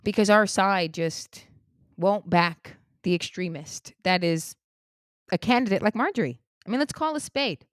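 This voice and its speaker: A woman giving a heated political opinion monologue, indignant, swinging between loud outbursts and low muttering. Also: measured pace, no echo, clean studio sound. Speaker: political commentator.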